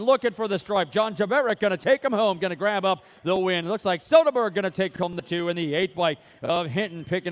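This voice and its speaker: A man's voice: high-pitched, clear, resonant tone. A man doing live race play-by-play as an announcer, in a folksy, slangy, rolling patter.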